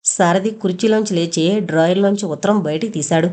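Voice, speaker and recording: A woman's voice: fairly low pitch, a little fast, darkish tone. A woman reading an audio novel aloud, narrating and voicing every character herself with small shifts in her voice.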